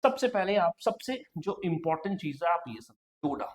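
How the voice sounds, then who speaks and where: A male coaching teacher delivers an exam-prep lecture in a high, very animated voice at normal speed. He keeps quizzing his students, repeats every answer, and constantly says "okay" and "friend."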